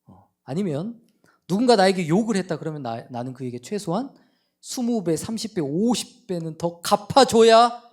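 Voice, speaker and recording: A man's voice: fairly high pitch, a little mellow. A male pastor preaching a sermon in church, acting out quoted prayers with rising intensity.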